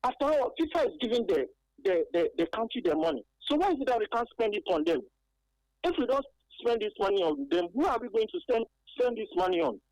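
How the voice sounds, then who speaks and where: Calling in over a clipped phone line to offer her opinion on a radio sports show, a Ghanaian-accented woman presses her case earnestly and emphatically, hesitating often. She speaks fast with big pitch swings, in a high, slightly mellow voice with no echo.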